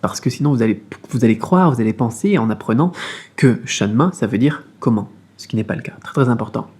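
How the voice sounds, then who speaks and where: A man's voice: mid-range voice, expressive, brisk, a little mellow, husky. A man giving a video lesson as a Mandarin teacher, explaining patiently and repeating syllables over and over to drill the tones.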